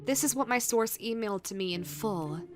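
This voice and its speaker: A woman reading a scripted creepypasta horror narration in a measured way, with dramatic pauses. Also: medium pitch, lively intonation. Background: background music.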